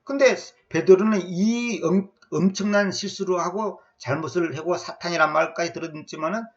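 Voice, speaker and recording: A man giving an expository Bible lecture in an emphatic way, repeating words and acting out quotes with sudden jumps in pitch. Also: moderate pace, lo-fi sound. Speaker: Bible teacher.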